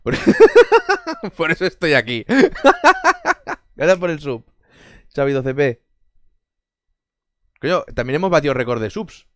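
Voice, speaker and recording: A man's voice: a little high, huge pitch swings, takes it slowly, long pauses, fairly bright tone, no echo, clean studio sound. A man from Spain chatting casually on a live stream, answering chat with sarcastic jokes, frequent swearing and bursts of laughter.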